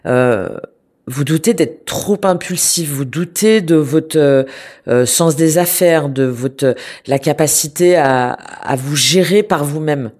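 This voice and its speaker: Speaking slowly in a low voice, a tarot reader with a cold walks viewers through their cards. She sounds a bit congested and keeps restarting and using fillers, yet her manner remains soft and reassuring.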